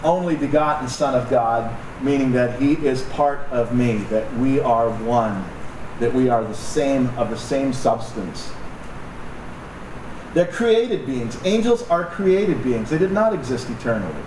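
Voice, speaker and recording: Preaching a little slowly in an expressive, medium-pitched voice, a pastor talks to his congregation in a conversational, joking way with asides to the listeners. Noise and room echo come through a distant microphone.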